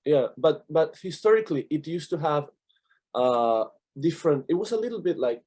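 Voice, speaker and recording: A man's voice: a little high, animated, moderate pace, darkish tone, husky. Man with a Basque accent, explaining. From Basque Country, Spain. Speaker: interview guest. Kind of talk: conversational interview answers.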